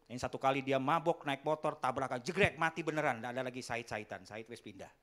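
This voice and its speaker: A man's voice: mid-range voice, fast talker. A middle-aged male pastor preaching a sermon in a church hall, telling stories with jokes and acting out the people in them. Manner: animated storytelling with joking asides and acted voices.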